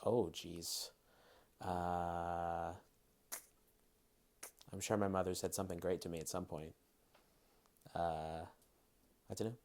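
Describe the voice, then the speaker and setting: A dialect coach in his 30s, raised in Massachusetts, speaks a largely general American accent with faint British traces in a low voice. As an interviewee he first reads word lists crisply and carefully, then relaxes into casual answers full of hedges and fillers. A little hiss or hum is audible.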